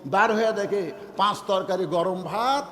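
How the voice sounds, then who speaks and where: Male preacher, storytelling sermon, high voice, roomy reverb. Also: measured pace, a little hiss or hum. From Bangladesh. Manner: acts out voices in the story, shifting from soft murmurs to loud cries. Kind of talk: Bengali waz sermon with storytelling. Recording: echoey hall, roomy long reverb.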